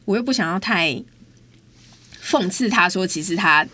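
A woman's voice: lowish voice, expressive, normal speed, pushed and bright. A woman, telling a story in a casual, exasperated chat as host. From Taiwan.

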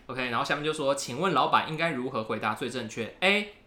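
A man's voice: medium pitch, animated, quick pace, bright, forceful tone. A man with a Taiwanese Mandarin accent, co-hosting a casual podcast and playfully quizzing his partner with joke questions. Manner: playful storyteller posing joke quiz questions. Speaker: podcast co-host. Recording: roomy echo in a new recording spot.

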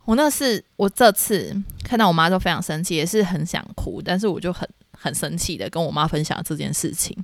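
A young woman, co-hosting a podcast and telling a story in a dramatic, animated way. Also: on the low side, brisk, few pauses, no echo, clean studio sound. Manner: animated, dramatic retelling with shouted quotes. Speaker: podcast co-host. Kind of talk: casual storytelling chat.

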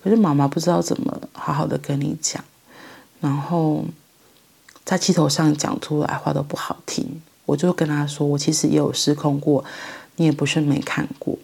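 Middle-aged woman, Taiwanese Mandarin accent, reflective monologue; heavy vocal fry, breathy, halting phrasing. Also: low-pitched, darkish tone. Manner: halting, thoughtful, pauses mid-phrase. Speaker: mother sharing parenting reflections.

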